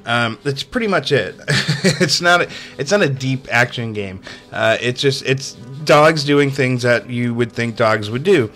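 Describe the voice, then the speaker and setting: A man's voice: mid-range voice, expressive, unhurried, fairly bright tone. Laughing male game reviewer over faint music. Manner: amused, keeps breaking into laughter; sarcastic, chatty with many fillers.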